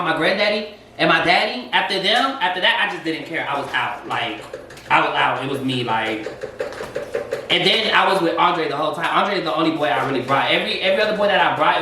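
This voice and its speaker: A young man casually telling a personal story while cooking at home, getting animated and jumping up in pitch when he quotes people. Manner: animated, jumps up high when quoting people. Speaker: co-host. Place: home kitchen. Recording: echoey room, mic at a distance, faint noise.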